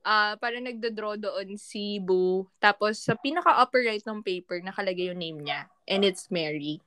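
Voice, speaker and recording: A woman's voice: medium pitch, moderate pace, a bit bright, clear, resonant tone, no echo, studio quality. A Filipino woman in casual chat, telling fun facts in a playful, giggly way. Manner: giggly, playful, mimics goat bleats. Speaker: co-host sharing fun facts.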